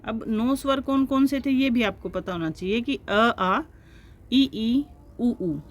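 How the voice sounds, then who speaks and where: A woman teaching a lecture to exam students, explaining step by step and often pausing to check with her listeners. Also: fairly high pitch.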